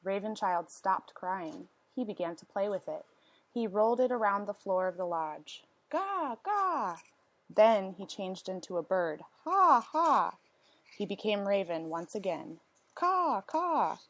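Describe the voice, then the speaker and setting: With a mid-range voice, a woman reads a picture book aloud as a storyteller, phrasing things expressively and deliberately and asking her listeners questions.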